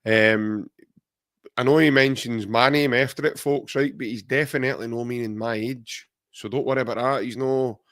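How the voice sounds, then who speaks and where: Scottish podcast co-host, forties, mid-pitched, jokey banter with viewers. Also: male voice, fairly even intonation, normal speed, a bit bright. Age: 40s. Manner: chatty, jokey, reads out viewer comments. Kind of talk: casual chat.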